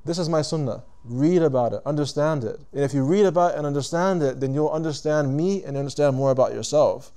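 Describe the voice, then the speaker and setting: A man with a mellow, smooth voice on the high side gives a reflective religious lecture to a live audience. He speaks conversationally and deliberately, asking listeners questions and pausing to rephrase.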